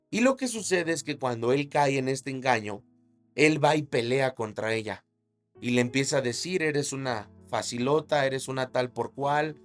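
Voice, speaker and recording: A male pastor preaching a sermon, telling a story with dramatic emphasis and shouted sound effects. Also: mid-range voice.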